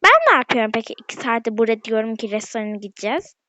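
A woman's voice: a little high, very animated, racing, pushed and bright, no room sound. A woman narrating her daily routine in a casual vlog, talking straight to her viewers and often tripping over her words. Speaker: vlogger. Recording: dull, dry, lo-fi sound.

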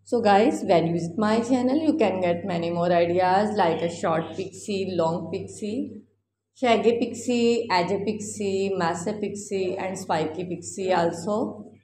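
Mellow woman in an echoey room. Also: mid-range voice, measured pace. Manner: effusive, repetitive. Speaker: YouTube host. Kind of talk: casual scripted-style video voice-over with repeated phrases. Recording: roomy echo, faint background noise.

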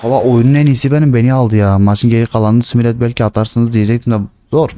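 Young man, mellow voice, rowdy football game commentary, faint background noise. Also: mid-range voice, fairly even intonation, fast. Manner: swears, shouts at players. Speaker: gaming streamer.

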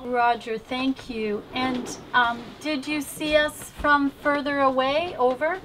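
A woman's voice: high-pitched, fairly even intonation, slow, background noise. A woman hosting a sailing vlog, prompting a crew member with short questions and making a polite radio call. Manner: brief, attentive prompting. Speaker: host. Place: catamaran at sea.

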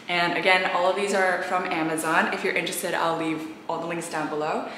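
Brisk and a bit bright, this thirty-something woman speaks with a lowish, steady voice as she chats informally to camera. She thinks aloud while doing chores around an empty apartment and small tiled bathroom; the rooms echo, there is background music, and a little hiss or hum is audible.

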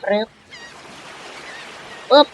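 An excitable man narrates his game in a bright, sharp voice. He bounces between playful commentary and little role-played exchanges, voicing his own jump sounds as he goes. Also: drawn-out words, dull audio, slight background noise. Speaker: gaming channel host.

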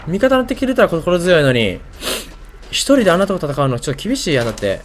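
A man's voice: a little high, huge pitch swings, quick pace, slight background noise. A man with a Kansai Japanese accent doing casual video game commentary, thinking aloud in short muttered questions.

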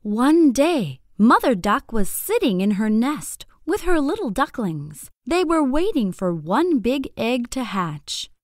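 A woman reads a scripted bedtime story for small children, her delivery expressive, deliberate and clearly phrased. Her pitch sits fairly high, and the clean studio recording carries no room sound.

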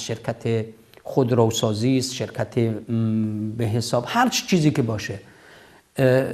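A man's voice: mid-range voice, a little mellow. A man in his fifties hosting a religious call-in show, explaining in a didactic, emphatic way with repeated phrases, on a lapel mic in a studio. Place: TV studio, seated at desk.

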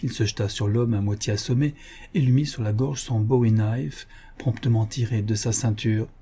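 Male audiobook narrator, measured and even reading, mellow dark tone, slightly husky; scripted narration. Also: on the low side. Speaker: audiobook reader.

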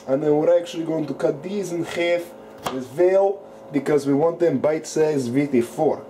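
A man's voice: fairly high pitch, background noise, lightly acted. A man doing a put-on Russian accent as a joking farm-boy cook while hosting a cooking tutorial, dropping articles and swearing casually. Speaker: cooking show host.

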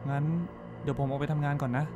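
A man's voice: medium pitch, monotone, fast, music in the background, natural voice. A man playing a caring but dismissive, practical husband in a radio drama. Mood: reassuring.

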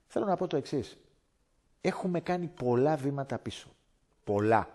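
A man from Greece giving a personal faith testimony as a guest speaker, animated and acting out conversations. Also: medium pitch. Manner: animated, acts out dialogue in voices.

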